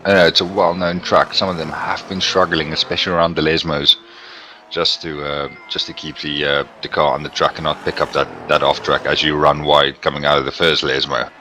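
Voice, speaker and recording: A man's voice: a bass voice, little pitch movement, fairly quick, bright, forceful tone. A man co-commentating casually on a live sim race, speaking hesitantly with repeated words. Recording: faint background noise.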